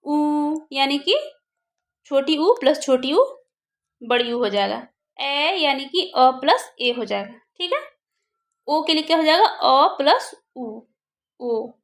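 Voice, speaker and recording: A woman's voice: sits high, animated, measured pace, long pauses. A woman teaching a grammar lesson for exam preparation, who asks questions and answers them herself.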